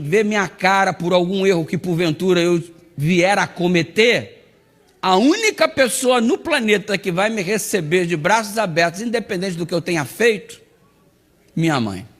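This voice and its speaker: A man with a Brazilian accent, a pastor preaching a sermon with humorous storytelling. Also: sits high. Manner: humorous storytelling, acting out dialogue. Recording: long hall reverb.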